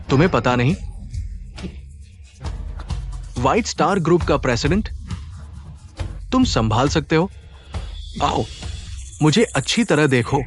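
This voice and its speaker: A sneering villain uncle. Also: male voice, on the high side. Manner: mocking, contemptuous. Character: sneering greedy middle-aged uncle villain. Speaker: scheming uncle. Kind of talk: Hindi-dubbed drama acting.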